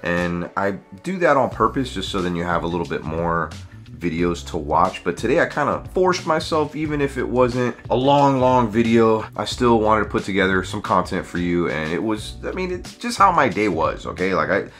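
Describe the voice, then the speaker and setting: A man's voice: lowish voice, very animated, normal speed, fairly bright tone, soft background music. A man in his thirties from the United States, chatting casually in a vlog while tending animals in a farm paddock, filmed on a handheld camera at arm's length. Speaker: vlogger.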